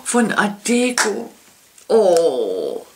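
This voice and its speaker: A woman's voice: medium pitch, huge pitch swings, drawn-out words, vocal fry, mellow, slight background noise. Gushing woman unboxing makeup. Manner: gushing, lots of oh and whispered asides. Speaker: beauty vlogger. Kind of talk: casual unboxing chat.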